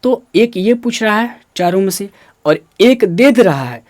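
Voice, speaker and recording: Pitched high and animated yet measured in pace, this man's darkish voice comes through clean studio audio with no echo. His talk is a Hindi grammar lesson for exam preparation, in which he answers questions he raises himself, repeats key words, and highlights careful pronunciation.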